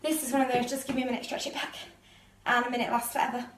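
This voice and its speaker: A woman with a highish, fairly level voice talks rapid-fire as she runs a live workout from her living room. She's a fitness instructor, chatty and slightly breathless, laughing off her mistakes while showing the moves, with an echoey room and slight background noise around her.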